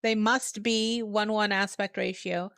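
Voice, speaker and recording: A woman's voice: mid-range voice, fairly even intonation, unhurried, gravelly, a bit bright, dry recording, clean studio sound. A woman hosting a livestream in a chatty way, laughing often, heard through a headset mic. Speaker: livestream host. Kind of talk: casual livestream chat.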